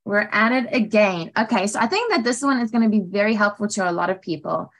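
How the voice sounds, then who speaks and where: A woman's voice: mid-range voice, lively intonation, fast talker, rough recording. Upbeat American woman co-hosting. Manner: upbeat, affirming, uses 'like' often. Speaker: co-host, director of training. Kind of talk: casual conversational chat.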